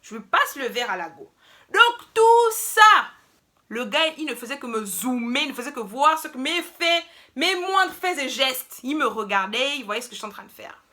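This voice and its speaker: A young woman tells a story casually, animated and playful with plenty of slang. Her voice sits high and sounds bright and forward. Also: moderate pace. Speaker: vlogger.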